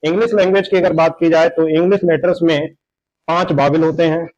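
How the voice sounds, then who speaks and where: Male teacher, slightly high voice, patient explainer, lo-fi mic. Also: steady tone, darkish tone. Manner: slow, explanatory, repeats examples. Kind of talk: Hindi grammar lesson lecture. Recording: dull lo-fi sound.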